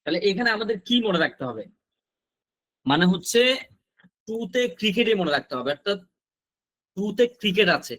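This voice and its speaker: A man's voice: high voice, sing-song, fairly quick, pauses often, fairly bright tone. A male teacher gives a class lesson, repeating each word pair and answering his own questions. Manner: repetitive drilling, asks and answers own questions.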